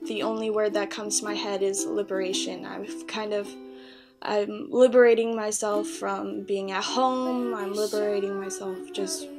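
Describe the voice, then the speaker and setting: Soft guitar music plays behind a young YouTube vlogger as she speaks in a mid-range, steady voice at a measured pace. Her personal vlog is candid and self-deprecating, with a bit of rambling.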